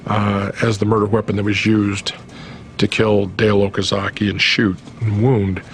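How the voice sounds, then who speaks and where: A man's voice: fairly low pitch, flat delivery, moderate pace, noisy background. A man speaking as a police detective, recounting cases matter-of-factly in a documentary interview. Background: music.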